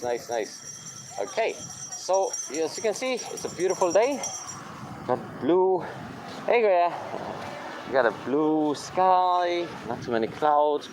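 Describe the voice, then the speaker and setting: Walking along a city beach, a man vlogs outdoors on a handheld camera, chatting casually in English sprinkled with a few Tagalog phrases spoken with a non-native accent. His voice is a little high, and the background is noisy.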